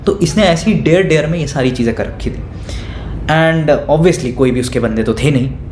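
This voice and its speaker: A young man recounts a school story in an animated, gossipy storytime manner, his voice sitting slightly high. The recording sounds roomy and echoey. A faint ambience hums underneath. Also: normal speed, a little hiss or hum. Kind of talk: casual storytime, mixing English phrases.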